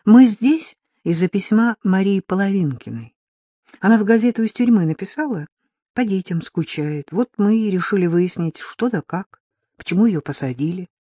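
Женщина читает за упорную молодую корреспондентку, говорит искренне, без эха. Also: female voice, medium pitch, lively intonation, moderate pace, mellow, slightly rough, no echo, pitched above the performer's own voice. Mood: earnest. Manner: earnest, persistent questioning. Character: earnest young woman journalist.

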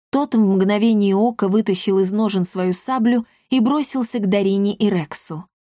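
Brief: woman audiobook reader, mid pitch, dry studio sound. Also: dark tone, dry recording. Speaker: audiobook narrator. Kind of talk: scripted narration.

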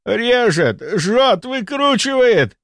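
A man's voice: very high voice, big pitch swings, takes it slowly, a bit bright, no echo, studio quality, pitched above the performer's own voice, exaggerated voice. A man reading aloud, voicing a feverish male patient who screams and stammers through chills and pain. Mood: agonized. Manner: screaming, stammering with chattering teeth.

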